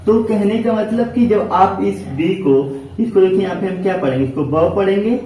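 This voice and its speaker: Male classroom teacher, slightly high, mellow tone, repeats himself and stretches words, faint room hum. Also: lively intonation, normal speed. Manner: repetitive, asks and answers his own questions. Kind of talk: classroom lesson. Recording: echoey classroom from far off.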